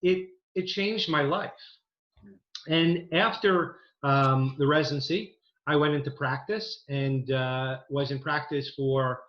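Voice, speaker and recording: A man in his fifties from New Jersey, a dental program director, talks earnestly about his career in a slightly high voice. His speech is full of fillers and restarts. The video-call audio sounds roomy and muffled. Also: fairly even intonation, slow. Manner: earnest, enthusiastic storytelling with many fillers. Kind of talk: interview over video call.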